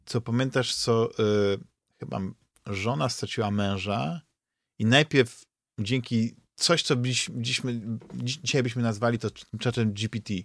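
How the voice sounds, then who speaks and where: Podcast co-host, man, mid-pitched, rambling casual chatter, dry close recording. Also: unhurried, fairly bright tone, dry recording. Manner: rambling, many restarts and fillers. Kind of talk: casual chat.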